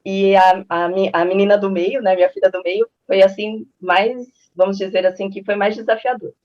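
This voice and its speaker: A woman's voice: mid-range voice, steady tone, moderate pace, dull audio. A woman in her thirties from Brazil, casually sharing parenting advice through anecdotes and acting out what people said. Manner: chatty, storytelling, acts out quoted dialogue. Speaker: parenting channel host.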